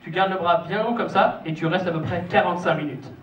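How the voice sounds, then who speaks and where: A man's voice: high-pitched, fairly quick, dull audio, crowd noise. A man doing live kids' party magician patter, a playful, teasing showman coaxing children and their families. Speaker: stage magician hosting a children's magic show. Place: show venue with a stage and live audience. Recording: echoey hall, distant mic, noisy audience.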